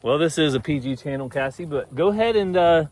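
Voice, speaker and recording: A man hosts a casual farm vlog outdoors, talking in a folksy, teasing drawl. His voice sits a bit high for a man. Animals can be heard faintly around him. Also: lively intonation, a little fast, darkish tone. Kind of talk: casual chat.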